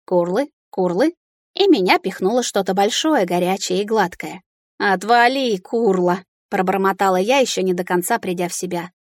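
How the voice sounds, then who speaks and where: Expressive woman reading a fantasy audiobook. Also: mid-range voice, no room sound, studio quality. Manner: expressive, lively storytelling. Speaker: audiobook reader. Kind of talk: first-person fantasy audiobook narration.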